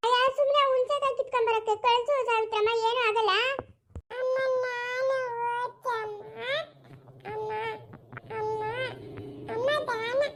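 A woman's voice: very high voice, fairly even intonation, unhurried, fairly bright tone. A young woman playing a tearful village girl who pleads and calls out again and again, in an amateur family drama. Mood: pleading. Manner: pleading, calling out repeatedly.

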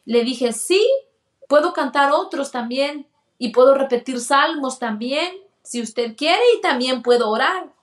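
A woman's voice: high-pitched, measured pace. A woman, earnestly telling a personal testimony and acting out the dialogue. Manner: earnest, acts out quoted dialogue. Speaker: guest sharing a testimony. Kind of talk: personal storytelling.

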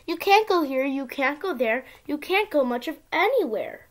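A girl of about ten with an expressive, sing-song delivery, reading a storybook aloud as if to small children. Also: sits high, moderate pace. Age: child, around ten. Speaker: young video channel host reading a picture book. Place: small indoor room at home.

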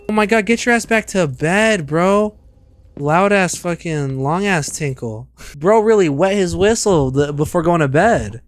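A young man in his twenties giving casual, joking commentary while streaming a game, with loud outbursts and swearing, on a studio mic. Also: high-pitched. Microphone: studio mic on arm.

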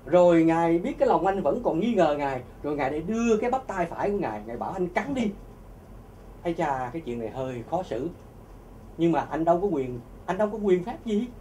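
A man telling a religious testimony to an audience, animated and often repeating words as he searches for them. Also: fairly high pitch, distant mic, slight background noise. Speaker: speaker giving a religious testimony.

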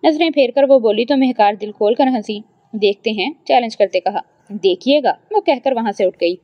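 A woman narrates an audio novel in a steady, even storytelling voice. Her voice is somewhat high. The recording is dry and slightly dull, like a home setup. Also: no echo. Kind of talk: scripted narration.

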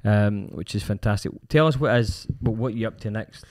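A man's voice: fairly low pitch, moderate pace, a little mellow. A man in his thirties with a Glasgow accent, hosting a casual chat with jokey, sweary slang. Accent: Glasgow, Scottish. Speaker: podcast host. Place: small podcast studio. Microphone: close studio microphone with headphones.

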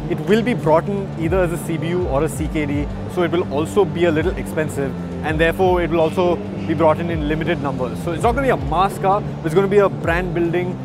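Casting: man in his thirties, car-show presenter, slightly raised pitch, upbeat explainer over loud music. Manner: upbeat, explanatory, addresses viewers directly. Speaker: motoring journalist presenter. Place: large indoor auto show hall.

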